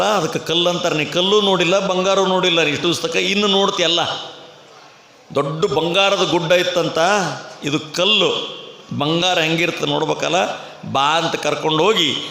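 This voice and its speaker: A man's voice: fairly high pitch, pushed and bright. A man giving a religious discourse at a temple fair, telling the story dramatically and acting out the characters' lines. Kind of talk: sermon storytelling. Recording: echoey hall with music behind.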